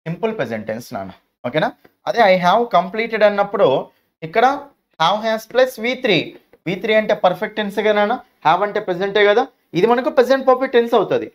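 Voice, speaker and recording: A man teaching an exam-prep grammar lesson, repeating each point and asking his students rhetorical questions. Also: sits high. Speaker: English teacher.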